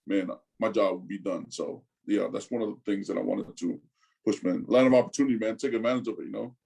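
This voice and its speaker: A man's voice: lowish voice, fairly even intonation, creaky, mellow, husky, low-quality recording. A man in his forties from Tonga, talking casually as an interview guest, often stopping to repeat words and tacking "man" onto his sentences. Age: 40s. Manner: halting, repeats words, says "man" a lot.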